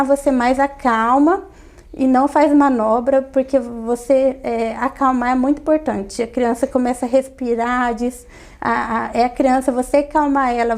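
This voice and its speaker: A woman pediatrician calmly explaining step by step in an interview, repeating key points. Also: high-pitched. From Brazil.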